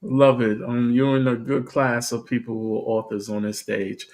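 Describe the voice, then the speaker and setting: A man's voice: medium pitch, flat delivery, moderate pace, darkish tone. A man hosting an online panel, upbeat and encouraging with his guests. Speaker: host. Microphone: video call.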